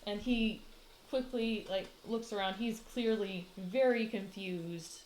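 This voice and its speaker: A woman narrating as game master of a tabletop game, relaxed, with frequent ums. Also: mid-range voice, slow pace, echoey room, background noise.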